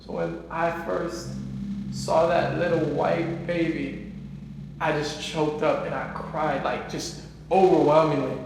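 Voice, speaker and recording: A man hosting a panel talk, telling a story in a jokey, animated way. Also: on the high side, takes it slowly, vocal fry, background noise. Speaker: host. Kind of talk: casual chat. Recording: echoey room with long reverb.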